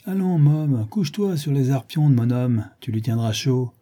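A man's voice: medium pitch, lively intonation, moderate pace, warm tone, close to an everyday voice. A man voicing a sinister one-eyed old female criminal who speaks in coarse slang. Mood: commanding.

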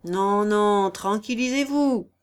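A woman's voice: medium pitch, slow, clean tone, lightly acted. A woman voicing a bold, mocking male nobleman who speaks in a teasing, self-assured way.

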